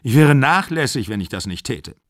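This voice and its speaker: A man voices a calm, firm father, pitching his voice above his own natural register. The delivery is mid-range, cool and at normal speed, in clean studio sound with no room sound.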